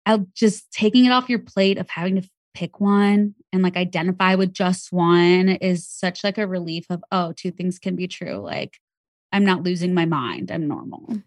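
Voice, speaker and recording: A woman's voice: fairly low pitch, moderate pace, no room sound, clean studio sound. A young pregnant woman talking candidly as a podcast guest, chatty and full of fillers. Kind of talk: casual chat.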